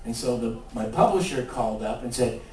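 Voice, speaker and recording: A man telling comic stories on stage in an animated way, acting out the voices. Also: medium pitch, brisk, slight background noise. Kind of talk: comic live storytelling. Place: stage at a live show. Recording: roomy live stage from far off.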